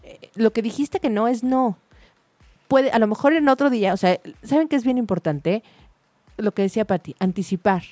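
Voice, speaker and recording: A woman, chatting casually about parenting and telling a lively anecdote with acted-out voices. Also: on the high side, moderate pace, no room sound. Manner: animated storytelling, acts out voices in anecdotes.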